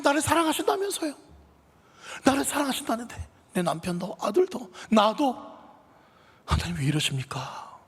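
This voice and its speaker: A man's voice: on the high side, husky, big-room sound. A man voicing a pastor's wife who cries out to God in a tearful, pleading prayer.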